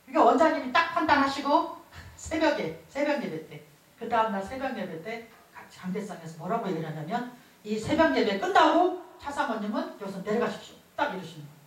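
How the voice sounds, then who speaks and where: A woman's voice: a little high, animated, fairly quick. A woman pastor giving an emotive revival sermon, telling her own story with bursts of laughter. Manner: emotive storytelling preaching, laughing as she talks. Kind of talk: revival sermon with personal testimony. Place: large church hall at a revival meeting. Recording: echoey hall heard from far off.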